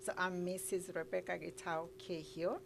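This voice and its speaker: Kenyan lady, middle aged, low gravelly voice, earnest interview storytelling, bit of hum behind. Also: flat delivery, normal speed. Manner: earnest storytelling, with frequent uhs. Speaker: guest.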